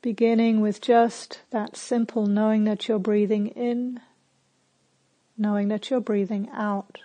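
A female meditation teacher guides a meditation, giving gentle, unhurried instructions with pauses between phrases. Her voice is medium in pitch and flat in delivery.

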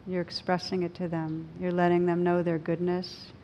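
A woman speaking as a meditation teacher, in a gentle, unhurried way with frequent pauses, as in a reflective talk or guided practice. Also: monotone, lo-fi sound. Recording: clear low rumbling background noise.

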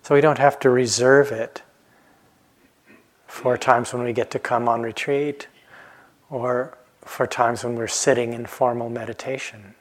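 In a retreat center hall, a meditation teacher in his late fifties gives a calm, reflective dharma talk. His mid-range voice pauses often and lets phrases trail off softly.

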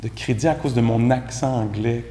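A man's voice: mid-range voice, fairly even intonation, moderate pace, dark tone. A man from Quebec with a Quebec French accent giving a casual dharma talk as a meditation teacher, filling his sentences with "tu sais". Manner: casual, conversational, many "tu sais" fillers. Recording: echoey room, faint background noise.

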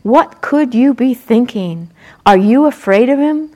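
A woman voicing a hot-tempered, impatient male forest sprite in a storybook, talking loudly and demanding. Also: on the high side, animated, a little slow. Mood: indignant. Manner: eager, loud, demanding.

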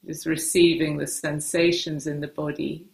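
A woman who teaches meditation gives gentle guidance in short, unhurried phrases and hesitant pauses. Her low, creaky voice stays flat, and the roomy space around her echoes.

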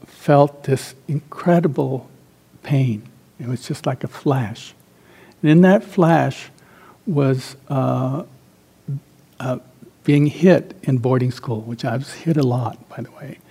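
Speaking in a fairly high, creaky voice with a breathy edge, an older meditation teacher who grew up in Central America shares personal stories during an informal dharma talk. His delivery is halting and reflective, fading off softly.

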